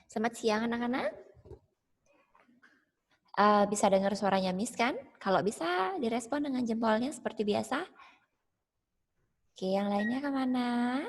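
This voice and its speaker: A woman's voice: a little high, expressive, moderate pace, long pauses, in a large hall. A woman teacher giving an online class, patiently explaining pronunciation step by step over a video call.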